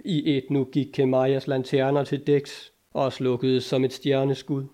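Dark-voiced male narrator, measured dramatic audiobook reading. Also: medium pitch, monotone.

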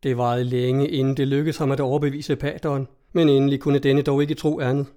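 A man reading a story aloud in an even, measured way. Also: mid-range voice. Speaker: narrator. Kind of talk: audiobook narration.

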